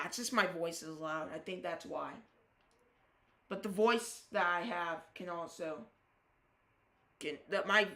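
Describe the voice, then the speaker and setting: Hosting a live stream, a ham radio operator chats casually in halting sentences, correcting himself as he goes, and calls out a call sign in phonetic letters. The voice is medium in pitch, bright, and forceful.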